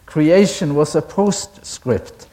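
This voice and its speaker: Man giving a deliberate academic lecture. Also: on the high side, dark tone. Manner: deliberate, asks the audience questions, chuckles at own asides.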